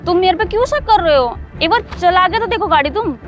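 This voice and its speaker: A woman argues defiantly in a scripted drama. Her voice sits very high and she talks at a rapid clip. Soft music runs underneath. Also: animated, lo-fi sound. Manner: argumentative, defiant. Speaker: scheming wife in a short drama. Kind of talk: scripted short-video drama acting. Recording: faint background music.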